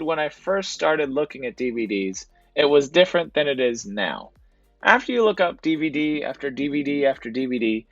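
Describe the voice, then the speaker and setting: A man's voice: fairly high pitch, a bit bright, no room sound, lo-fi sound. A man narrating his thrift store trip as a voice-over for his reselling vlog, in a casual, explanatory way. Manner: casual, explanatory, repeats "to be honest".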